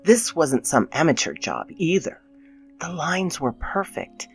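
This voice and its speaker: A woman with a deep voice gives a heavily acted performance as a fretful, guilt-stricken mother. The scripted horror narration is dramatic and theatrical, slipping now and then into breathy, almost-whispered lines.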